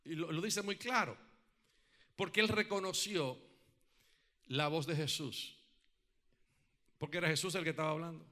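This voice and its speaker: A man preaching a sermon who calls on the congregation to respond, asks many rhetorical questions, and swings from loud emphatic peaks to quiet, reflective passages. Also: fairly high pitch, normal speed, pauses often. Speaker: pastor.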